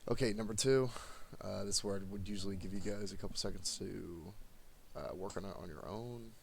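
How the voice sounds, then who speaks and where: A tired man teaching math to his students in a recorded lesson, speaking in a monotone and addressing the class directly. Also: sits low, normal speed, creaky, slight background noise.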